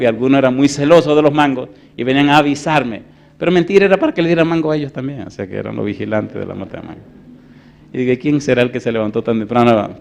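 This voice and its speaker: A pastor in his fifties preaching a sermon, telling a story in a hushed voice and then rising to loud preaching. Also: medium pitch, vocal fry, a little hiss or hum. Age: 50s. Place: church.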